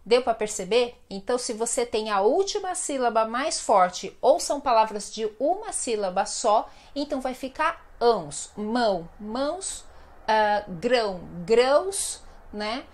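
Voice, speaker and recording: Brazilian woman teacher, casual lesson, slightly high voice, unhurried, stretches out example words. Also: big pitch swings. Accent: Brazilian Portuguese. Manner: chatty and playful, drawing out example words slowly. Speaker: Portuguese teacher. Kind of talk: casual online language lesson.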